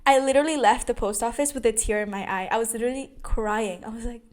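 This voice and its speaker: A young woman talks straight to her audience in a loose vlog storytelling style. Her voice sits a little high, and her chatty delivery is full of fillers and restarts. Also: fairly even intonation, fast, a little mellow. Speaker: vlogger. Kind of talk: casual storytelling.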